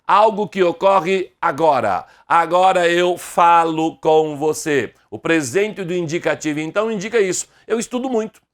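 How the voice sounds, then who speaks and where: A middle-aged Brazilian man teaching an online grammar lesson, slow and deliberate, asking his viewers question after question. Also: on the high side.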